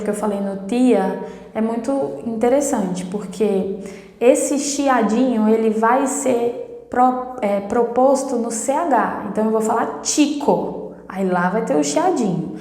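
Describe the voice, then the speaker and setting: A Brazilian woman, a native Portuguese speaker, giving a casual Spanish lesson in a chatty way, often repeating herself and slowing down to demonstrate sounds. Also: a little high, warm tone. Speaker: Spanish teacher. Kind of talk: casual online language lesson. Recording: echoey room with long reverb.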